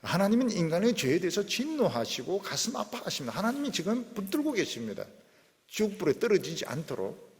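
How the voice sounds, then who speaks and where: A male pastor preaching a sermon, his voice jumping high for emphasis and then dropping low. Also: very animated, brisk. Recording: long church reverb.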